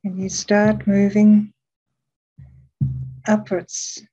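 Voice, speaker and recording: Woman, guided meditation, soft breathy voice, soothing, slow with long pauses, dull muffled audio. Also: medium pitch, level tone, faint music behind. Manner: soothing, unhurried, with long pauses between short phrases.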